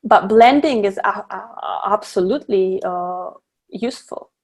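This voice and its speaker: A woman's voice: medium pitch, unhurried. A woman leads an online class on blending essential oils over a video call. She explains each step patiently, but her sentences stumble, restart and fill up with ums and uhs. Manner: hesitant, with many fillers and restarts, explaining step by step. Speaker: guest presenter teaching essential oil blending. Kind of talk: online teaching demonstration.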